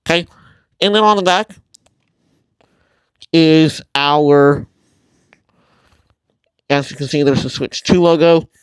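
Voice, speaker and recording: A man hosting a casual tutorial vlog, talking informally and haltingly through a mask that muffles his mouth, often apologetic. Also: a little high, clean tone, dry recording. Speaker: video host.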